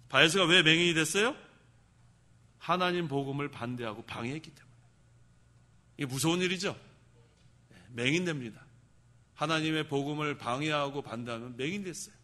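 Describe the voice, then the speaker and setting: A male pastor preaching a sermon. He asks the congregation questions, answers them himself, and shouts for emphasis. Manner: shouts for emphasis, then drops low.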